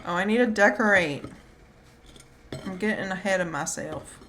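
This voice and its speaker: A woman's voice: medium pitch, normal speed, a bit bright. A woman chatting casually in a rambling, offhand, wry way, with a slight whistle on her S sounds. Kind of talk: casual chat. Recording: clear background noise.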